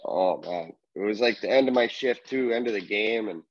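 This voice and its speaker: A young man from Canada, heard over a video call, talks in an easygoing way with brief agreeable answers. His voice sits low and the sound is dry. The call audio is dull and lo-fi. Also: normal speed, no echo. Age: young adult. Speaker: hockey player guest. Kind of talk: casual interview chat.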